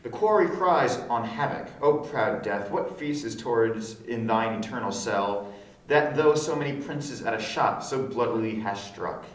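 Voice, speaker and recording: A solemn conquering prince giving orders played by a man in an amateur Shakespeare read-through. His voice is mid-pitched, heard in an echoey room away from the mic. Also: expressive, measured pace, distant mic, close to an everyday voice. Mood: solemn, commanding.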